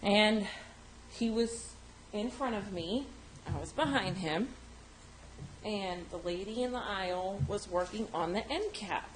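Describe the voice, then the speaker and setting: A woman telling a funny story to a group, animated and laughing, acting out the quotes. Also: unhurried. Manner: animated, laughing, acts out quotes with big pitch jumps. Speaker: mourner sharing a story at a funeral gathering. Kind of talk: casual storytelling. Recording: echoey room with background noise.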